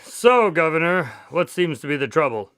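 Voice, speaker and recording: Man acting Doctor Watson, bright and animated. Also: fairly high pitch, normal speed, no room sound. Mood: concerned. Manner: polite, old-fashioned, theatrical. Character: Doctor Watson, courteous, easily flustered male storyteller and sidekick. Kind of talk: radio drama acting and narration.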